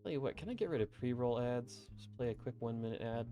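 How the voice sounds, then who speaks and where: A man's voice: medium pitch, quick pace, warm tone, soft background music. A young man from Colorado chatting casually on a live stream, laughing easily and answering his chat. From Colorado, USA.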